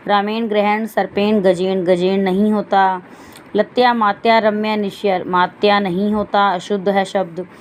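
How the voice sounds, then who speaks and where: A woman's voice: mid-range voice, little pitch movement, measured pace. Woman teacher, patient line-by-line explanation, slight room noise. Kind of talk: Sanskrit lesson explained in Hindi.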